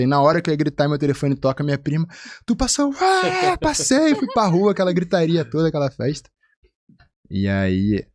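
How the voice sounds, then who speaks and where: A man from Rio de Janeiro with a Carioca accent, a physician guest telling a personal story in a casual, animated way and acting out the voices of the people in it. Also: no room sound, studio quality. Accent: Carioca Brazilian Portuguese. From Rio de Janeiro, Brazil. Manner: animated, acts out quoted voices with big pitch jumps.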